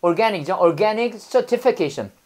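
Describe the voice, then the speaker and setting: A woman's voice: medium pitch, animated, drawn-out words, a little mellow. A woman teaching English vocabulary in class, drilling students with call-and-repeat prompts and playful memory tricks.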